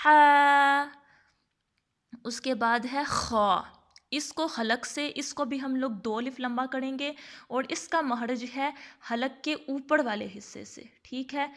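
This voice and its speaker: A woman teaching a Quran reading lesson. She poses her own questions, answers them, and stretches each letter sound out slowly to demonstrate it. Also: on the high side, a bit bright. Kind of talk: tajweed lesson.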